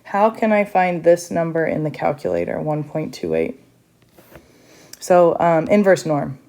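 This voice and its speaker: A woman's voice: low voice, animated, a little slow, creaky, dark tone. A woman teacher recording a step-by-step math lesson for her students, chatty, with frequent fillers.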